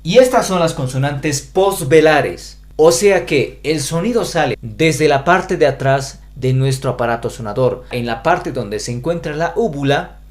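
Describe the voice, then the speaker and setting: A man's voice: on the high side, measured pace, hardly any pauses. A man with a Bolivian Spanish accent giving a pronunciation lesson, carefully spelling out each sound. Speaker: language teacher.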